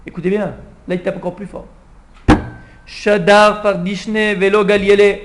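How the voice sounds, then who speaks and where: Animated high-voiced rabbi teaching. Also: male voice, measured pace. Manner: lively storytelling, acts out the king's pleading. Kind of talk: Purim Torah class. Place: classroom with a small audience. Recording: echoey room, faint background hum.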